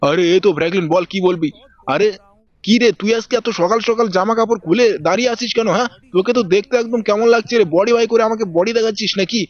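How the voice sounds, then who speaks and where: A woman voicing a grumpy middle-aged uncle in a mobile game video, talking in a gruff, scolding way. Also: mid-range voice, quick pace, lo-fi sound, lightly acted.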